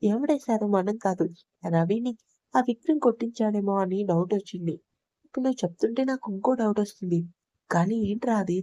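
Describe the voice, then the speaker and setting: A woman's voice: medium pitch, brisk, warm tone, no echo, lightly acted. Woman voicing an earnest, loyal male friend.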